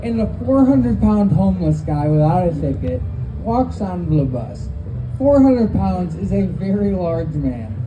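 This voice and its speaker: A woman telling stories as a first-time stand-up comedian at an open mic, in a conversational, profane way. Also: medium pitch. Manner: profane, conversational, acts out quoted dialogue. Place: live open mic venue. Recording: noisy live recording, background ambience.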